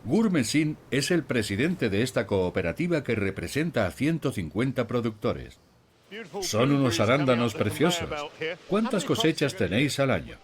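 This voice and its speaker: Lively-voiced male documentary host. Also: mid-range voice, moderate pace, crowd noise. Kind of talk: documentary narration and interviewing. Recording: voice with background music.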